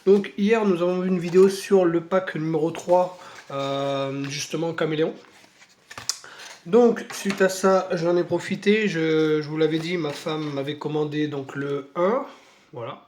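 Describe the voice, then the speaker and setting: A man with a head cold chats casually while unboxing hobby paints, his nose clearly blocked. He hesitates often and fills gaps with small sounds, his voice sitting a little high. A faint hiss runs underneath. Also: measured pace, a little mellow. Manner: hesitant, many fillers and apologies. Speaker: model-kit hobby vlogger.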